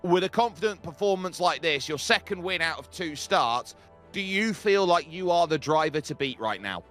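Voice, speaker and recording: A man's voice: a little high, animated, moderate pace, fairly bright tone, faint music behind. A man hosting a sim racing broadcast, asking drivers fluent, polished questions. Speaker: broadcast host. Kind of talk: sports broadcast interview.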